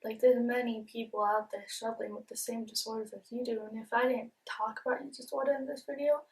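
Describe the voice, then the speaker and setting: With a fairly high, steady voice and a fairly quick pace, a young vlogger speaks confessionally and casually to her camera. A speech impediment softens some of her sounds, and she's earnest and open, often restarting with ums and repeated words. The camera mic sits a bit away from her, giving a rough recording.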